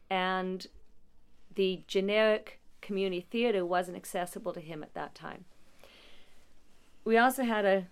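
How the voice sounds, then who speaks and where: A woman's voice: mid-range voice, clear, resonant tone. A woman who leads a non-profit support agency, answering interview questions in a conversational way, telling stories with restarts and small laughs. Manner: warm storytelling with frequent restarts and small laughs.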